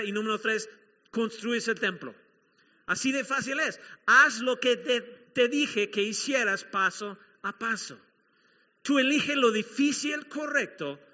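A man's voice: high voice, bright, forceful tone. A man preaching a sermon to a congregation as pastor, emphatic, repeating key phrases and putting questions to the room. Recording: dull recording with long hall reverb.

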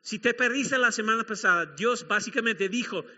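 A man's voice: sits high, normal speed, bright, forceful tone. A man preaching a sermon to a congregation as pastor, emphatic, repeating key phrases and putting questions to the room. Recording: dull recording with long hall reverb.

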